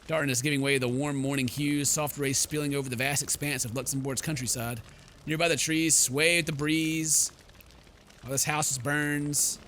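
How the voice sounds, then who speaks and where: He's a gaming host whose voice sits fairly high, with a steady, slightly bright tone at a normal speed. He performs the story text dramatically between casual, jokey comments in a let's play. Game music plays, and there's slight background noise.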